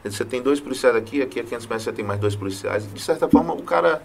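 A man's voice: mid-range voice, animated, very fast, vocal fry, a little hiss or hum. A Brazilian man co-hosting a talk show, joking and giving rambling explanations. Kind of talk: casual chat.

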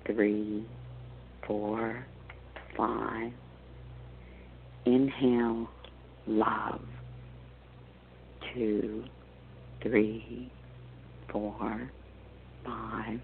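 A man leading a guided meditation as a spiritual teacher, giving slow, counted deep-breath instructions in a hushed, soothing, measured way with long pauses. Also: gravelly, a little hiss or hum. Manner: soothing, hushed, measured delivery with trailing soft phrase endings. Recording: dull lo-fi audio with soft music. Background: soft meditation music.

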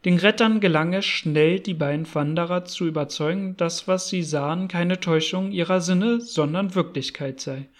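A man reading a novel aloud as narrator in steady, measured storytelling. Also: sits high. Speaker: audiobook reader. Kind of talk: scripted narration.

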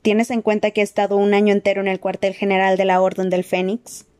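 A calm, courteous old wizard, as a woman reading aloud puts him on. He speaks in a measured, polite way with quiet good humor. A storybook voice close to the reader's own. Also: medium pitch, lightly acted. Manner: measured, polite, gently amused. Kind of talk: audiobook character voice.

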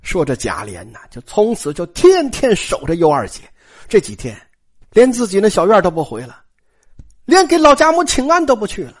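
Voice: mid-range voice, huge pitch swings, normal speed, slightly rough. A storyteller, telling a classic tale in colloquial style with asides to the listeners. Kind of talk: traditional oral storytelling.

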